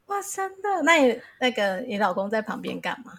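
A woman's voice: a little high, very animated, a little fast, a bit bright. A woman, co-hosting a casual chat and reacting with sympathy. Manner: sympathetic interjections.

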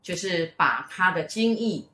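A middle-aged woman with a Taiwanese Mandarin accent tells a story in casual chat, slipping into the voices of its people. Her voice sits a little low. The room around her rings with echo. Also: a little slow. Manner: animated storyteller who acts out quoted speech. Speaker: host, mother.

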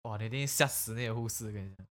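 A man's voice: lowish voice, racing, a bit bright. A man hosting a casual chat, curious and asking many questions.

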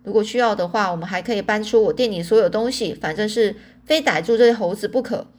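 A woman's voice: medium pitch, fast, darkish tone, close to an everyday voice. Stubborn old grandpa, as a woman reads him. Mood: wry. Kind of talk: audiobook reading.

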